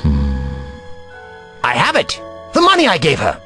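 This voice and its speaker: A man's voice: medium pitch, huge pitch swings, a little slow, sharp tone, soft background music, exaggerated voice. A man playing the Doctor as an eccentric, learned and protective time traveller, lecturing in precise, old-fashioned wording in a science fiction audio drama. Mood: inventive, brisk.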